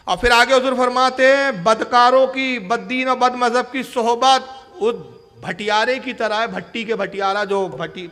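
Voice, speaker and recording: A man's voice: very high-pitched, steady tone, sharp tone. A man preaching a sermon in an emphatic, challenging way. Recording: echoey hall reverb.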